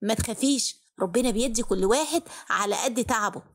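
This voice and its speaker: A woman's voice: on the high side, a little fast, lightly acted. A woman with an Egyptian accent voicing a kind, reassuring older sister in a spoken story. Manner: gentle, reassuring.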